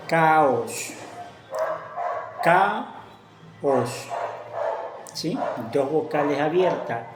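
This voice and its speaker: A woman teaching a grammar lesson, speaking slowly and deliberately and spelling out example words one at a time. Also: low-pitched, reverberant, background noise.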